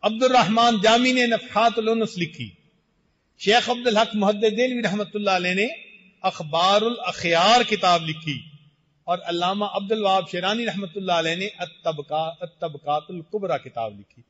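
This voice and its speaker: An older man giving a measured, deliberate sermon as a Sufi sheikh, slowing for emphatic phrases. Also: sits high, fairly bright tone. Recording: muffled recording in a reverberant hall.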